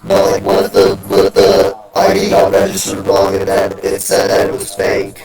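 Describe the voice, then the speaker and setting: A man giving excitable, indignant commentary while reacting to a video, often repeating himself. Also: low-pitched, normal speed, creaky. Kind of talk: casual commentary over a video. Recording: echoey, distant from the mic.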